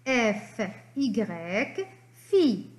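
Woman teacher for a children's reading lesson, high and animated, slow and clear on every syllable. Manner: cheerful praise and prompts to children.

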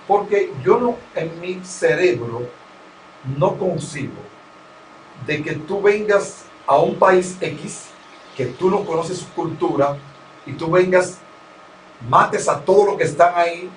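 A Dominican-accented man with a fairly high voice, long experienced in radio, gives an instructive, conversational interview in which he lectures emphatically and repeats his key points. The mic is distant, the room sound is noticeable, and there is a little hiss or hum.

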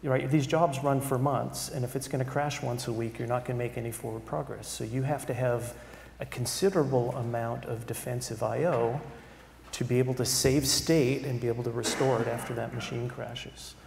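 A man's voice: mid-range voice, fairly even intonation, moderate pace, creaky, a little mellow. A middle-aged man speaking on a conference panel, conversational and emphatic, often tagging points with "right?". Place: large conference hall stage. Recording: echoey hall with faint room noise.

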